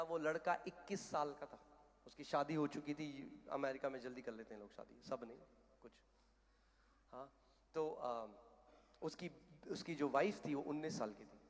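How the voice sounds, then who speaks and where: A male pastor telling a story in a sermon, emphatic and loud on the big declarations. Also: fairly high pitch. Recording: reverberant hall.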